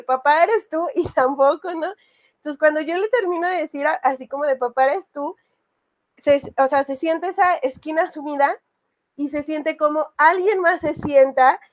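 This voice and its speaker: A woman casually telling a personal horror story, rambling with many fillers. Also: high voice. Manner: rambling, full of fillers and restarts.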